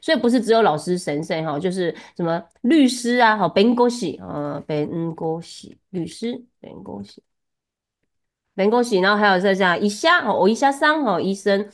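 A woman's voice: medium pitch, expressive, moderate pace. A woman giving a one-on-one Japanese lesson, chatty and laughing often as she coaches pronunciation. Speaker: Japanese tutor.

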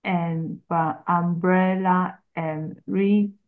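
A woman student repeating English words slowly and carefully after her teacher. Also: on the low side, steady tone. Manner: slow, careful repetition. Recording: tinny phone-like line.

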